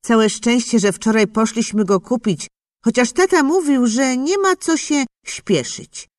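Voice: mid-range voice, a little slow, no room sound, clean studio sound. A narrator reading a children's story in the first person as a young boy, telling it expressively. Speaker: audiobook narrator.

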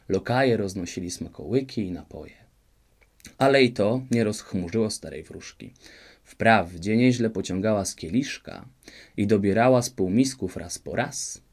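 A man narrates a fairy-tale audiobook with a lowish voice. His telling is lively and expressive, shaping each turn of the story. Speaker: audiobook reader.

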